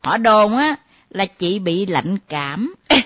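An actress playing a nosy younger female friend who teases and mocks in a lively way. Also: mid-range voice, slow pace. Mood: teasing. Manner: teasing, lively, mimicking. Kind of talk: comedy sketch acting. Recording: dull lo-fi recording.

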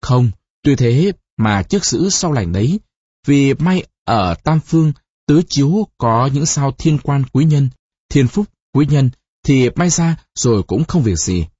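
A narrator voicing a calm village fortune teller who speaks in a slow, sing-song way. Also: medium pitch, husky, no room sound, highs cut off.

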